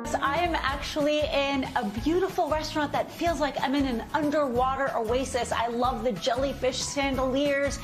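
A woman's voice: high-pitched, fairly even intonation, normal speed, hardly any pauses, music in the background. A woman in her thirties hosting a TV segment in a restaurant, bubbly and enthusiastic. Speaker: TV host. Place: inside a restaurant dining room.

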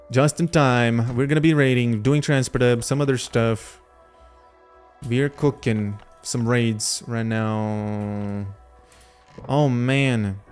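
Man, gaming livestreamer, chatty, thinks out loud, faint music underneath. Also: medium pitch, smooth. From Lithuania. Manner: chatty, thinking aloud, talks to chat. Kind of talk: casual gameplay commentary.

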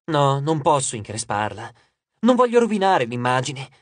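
A conceited young beauty, put on by a male audiobook reader, drawls in languid self-admiration. His voice swings widely in pitch and sits close in a dry, deadened recording. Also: big pitch swings, moderate pace, no room sound. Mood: smug, dreamy. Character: vain, self-adoring handsome young man.

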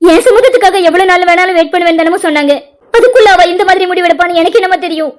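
A woman's voice: very high voice, racing. A woman voicing a defensive middle-aged mother in a cartoon drama, pleading and justifying herself.

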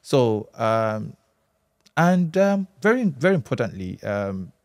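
A Nigerian man in his thirties presenting business news, walking through figures in a steady studio chat. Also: mid-range voice, slow pace, no echo. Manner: steady, chiming in with short agreements. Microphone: studio mic on boom arm.

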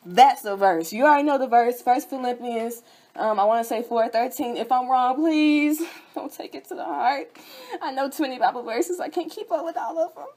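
A woman's voice: high-pitched, normal speed, a little mellow. A young woman hosting a sermon broadcast, preaching fervently with repeated chanted refrains. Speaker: host and preacher.

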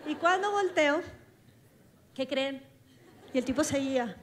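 A woman with a high voice preaches, telling her story in a lively way. She acts out the dialogue as she goes, and she speaks from a church stage. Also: a little slow, slight background noise. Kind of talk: storytelling sermon.

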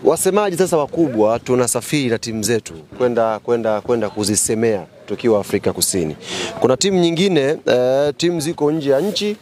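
A man's voice: medium pitch, a little mellow. A man, speaking as a football club spokesman in an emphatic, teasing press statement.

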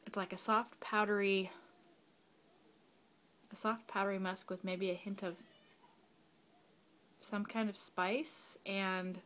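Speaking slowly with long pauses, a young mom reviews a candle in a laid-back home vlog, kids nearby. Her medium-pitched voice barely rises or falls and sounds a bit bright, and her chat meanders with fillers and the odd whisper.

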